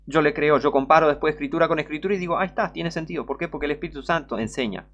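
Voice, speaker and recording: A man's voice: fairly high pitch, very fast, fairly bright tone, highs cut off. A man with a Rioplatense Spanish accent who preaches an online sermon, emphatic and scolding, repeating his points and reading scripture aloud.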